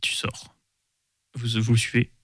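A man with a middle-pitched voice runs a tabletop role-playing game as game master. He answers the players in short, matter-of-fact lines. The sound is dry and close. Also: completely flat delivery, a little slow, breathy edge, no room sound.

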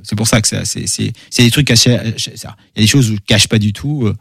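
Male comic author, quick, animated, filler-heavy casual talk, dry mic. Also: lowish voice, gravelly, slightly rough, no echo. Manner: animated, many fillers and repeated words. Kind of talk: casual interview chat.

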